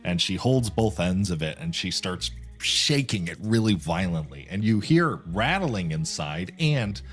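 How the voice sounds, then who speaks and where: A man narrating a tabletop game as game master, rambling and halting with many fillers. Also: low-pitched, big pitch swings, soft background music.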